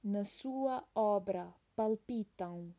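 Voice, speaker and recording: Woman teacher, dictation pace, each phrase said twice with punctuation spoken; unhurried, warm tone. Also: mid-range voice. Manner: repeats each phrase slowly, calling out punctuation. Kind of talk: slow dictation with punctuation read aloud.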